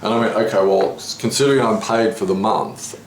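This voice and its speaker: A man telling a story in casual conversation, animatedly acting out what others said. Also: brisk. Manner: animated retelling, voicing others with rising pitch. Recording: echoey room with faint background noise.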